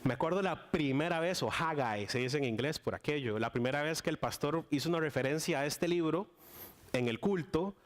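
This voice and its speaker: A slightly high, brisk voice belongs to a young man from Costa Rica with a Costa Rican accent who is preaching a casual guest sermon. He keeps it chatty and warm, often stumbling into fillers and restarts.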